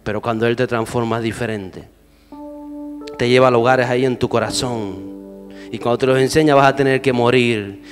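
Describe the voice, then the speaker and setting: A man preaching a sermon. He swings loud exhortation to low, quiet asides and keeps asking the congregation questions. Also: steady tone, moderate pace, in a large hall, faint music behind. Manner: addresses the congregation with repeated questions. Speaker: pastor.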